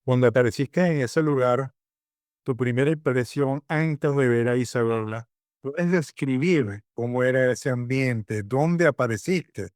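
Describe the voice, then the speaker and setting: A man hosting an interview, asking his guest questions in a calm, measured way. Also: medium pitch, no room sound, clean studio sound.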